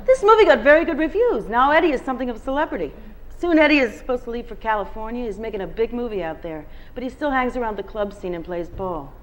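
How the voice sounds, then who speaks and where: In front of a bookstore crowd, a guest reader narrates a first-person novel with plenty of expression. Her fairly high voice has lively intonation, and she moves along fast.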